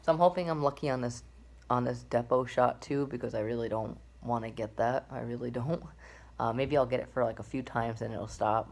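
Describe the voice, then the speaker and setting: A young male vlogger in his twenties rambles casually to a webcam in a small bedroom, full of fillers and restarts. His voice is medium-pitched, creaky and a little mellow, suited to this personal vlog.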